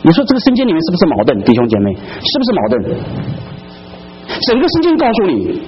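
A man's voice: fairly high pitch, wildly swooping pitch, quick pace, faint music behind. A man preaching a sermon to a congregation, constantly putting rhetorical questions to his listeners. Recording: dull lo-fi recording.

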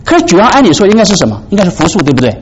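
A man preaching a sermon in an animated way, often asking his listeners "right?". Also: sits high, rapid-fire. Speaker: pastor. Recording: dull lo-fi recording with faint background noise.

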